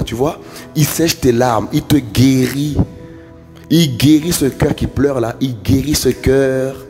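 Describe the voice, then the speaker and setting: A man preaching in a fervent prophetic worship style, repeating phrases over and over like a chant. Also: medium pitch. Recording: long hall reverb with soft music. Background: soft worship music.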